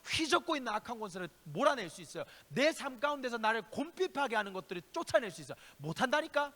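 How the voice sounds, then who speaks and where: Male youth pastor, high lively voice, bright and sharp; impassioned, rhetorical questions, long church reverb. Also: quick pace. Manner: impassioned preaching, shifting between loud exhortation and hushed asides; speaks directly to listeners with rhetorical questions. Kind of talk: youth sermon. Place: church sanctuary.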